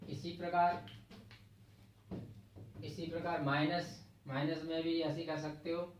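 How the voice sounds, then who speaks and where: A man's voice: fairly high pitch, flat delivery, slow, slight background noise. A man with a Hindi accent from the Agra region teaching a math lesson in a classroom, explaining step by step and counting digits aloud. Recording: very echoey, distant, dull lo-fi room sound.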